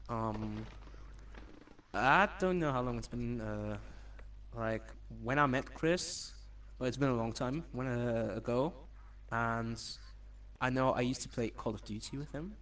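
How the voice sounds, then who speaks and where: A man's voice: mid-range voice, measured pace, a bit bright. Casual male podcast guest, some background noise. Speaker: podcast guest, competitive gamer. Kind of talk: casual chat.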